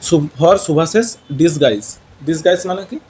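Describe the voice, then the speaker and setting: A man from West Bengal, India, teaches an English lesson in Bengali with a West Bengal accent, mixing in English words and questioning his students. His voice is on the high side with a darkish tone at normal speed, and the rough recording has slight background noise.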